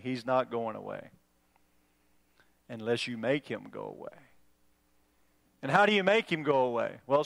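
A male pastor preaching a sermon, halting with many fillers and restarts, calling on members of the congregation by name and swinging between loud urging and low hushed passages.

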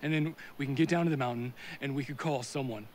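A man's voice: mid-range voice, fast talker, a little mellow, slight background noise, natural voice. An actor playing a level-headed young male hiker in a film, firm and reassuring, talking outdoors in the woods. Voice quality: firm, reassuring, scolds bluntly. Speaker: hiker keeping the group calm. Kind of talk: film acting.

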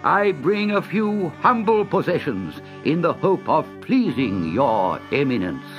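A man's voice: fairly high pitch, very animated, measured pace, soft background music, voice pushed up, rough recording. A man voicing a hearty sea captain who speaks bluffly, in a storybook reading. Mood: flattering.

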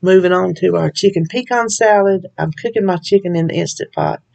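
A woman's voice: lowish voice, a little fast, gravelly, a little mellow. A woman hosting a home cooking video, talking through a recipe in a chatty, folksy way with frequent laughs. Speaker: cooking channel host. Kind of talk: casual recipe walkthrough.

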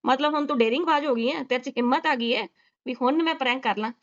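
A woman's voice: high-pitched, quick pace, muffled recording. A woman doing sarcastic reaction commentary, scolding and mocking with rhetorical questions. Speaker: reaction vlogger.

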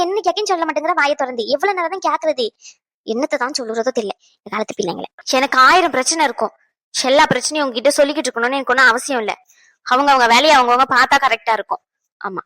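A woman voicing a sharp-tongued, nagging middle-aged mother in a cartoon dub. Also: sits high, no room sound. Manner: scolding, nagging, rapid-fire. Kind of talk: cartoon dubbing.

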